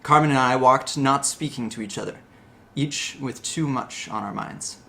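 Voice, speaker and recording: A man's voice: medium pitch, normal speed, sharp tone. A man giving a hammy, theatrical dramatic reading of a story, like a stage actor. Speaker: reader of a story.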